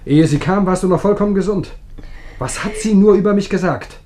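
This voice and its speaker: An actor playing a controlling husband who coaxes and threatens in a mock-affectionate way, in a classic radio drama. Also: male voice, high voice, brisk, darkish tone, slight background noise, close to an everyday voice. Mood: menacing. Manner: coaxing turning to cold threat, mock-affectionate. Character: controlling, menacing husband, sweetly sinister. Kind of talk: 1950s-style radio drama acting.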